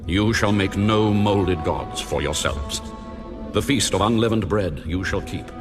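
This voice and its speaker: An actor playing God as a solemn, commanding lawgiver in a dramatized audio Bible, declaiming with authority. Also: male voice, on the low side, unhurried, music in the background, natural voice. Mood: stern, commanding.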